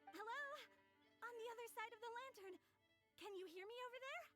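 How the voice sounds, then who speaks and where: A woman's voice: very high voice, a little fast, over music. A woman playing a composed, courteous young witch in a video game, speaking with polite theatrical confidence.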